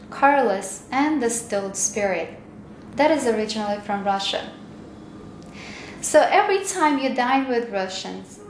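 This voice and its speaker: Woman, corporate training narrator; higher voice, unhurried read, roomy echo. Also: slight background noise.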